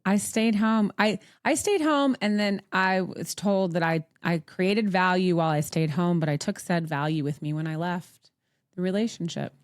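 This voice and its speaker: A podcast host from Montreal, a native English speaker with a Canadian accent, hosts a casual advice talk in a blunt, sweary, emphatic manner. Her voice is on the low side at normal speed, with studio-quality sound and no echo.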